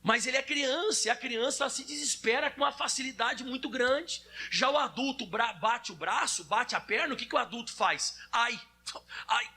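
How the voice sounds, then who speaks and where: Brazilian pastor man preaching, acts out little scenes, really high voice. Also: normal speed, slightly rough. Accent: Brazilian Portuguese. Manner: animated preaching, acts out children and adults. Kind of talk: sermon.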